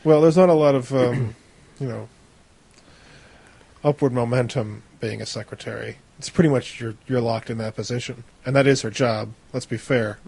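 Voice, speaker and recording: A man doing casual movie commentary with a group, emphatic and animated and quick to laugh. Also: medium pitch, gravelly, breathy edge. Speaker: podcast commentator.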